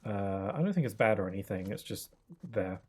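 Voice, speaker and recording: Young male streamer, loose rambly commentary, mellow voice. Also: on the low side, lively intonation, brisk, husky. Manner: rambling, chatty, laughs often. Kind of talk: casual gameplay commentary.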